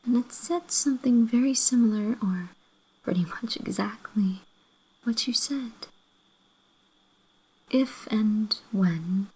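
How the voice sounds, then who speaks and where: Woman as a slow, breathy soft-spoken girlfriend making up, ASMR role-play. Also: fairly high pitch, rough recording. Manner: gentle, reconciliatory, making up tenderly. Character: loving, apologetic girlfriend making up after a fight.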